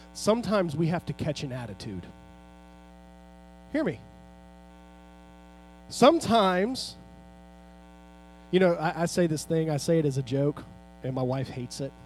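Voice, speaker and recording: High-voiced preaching man, hum behind. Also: sing-song, takes it slowly, long pauses. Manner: preaching with rising shouts and sudden soft drops. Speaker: pastor. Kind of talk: sermon. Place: church sanctuary.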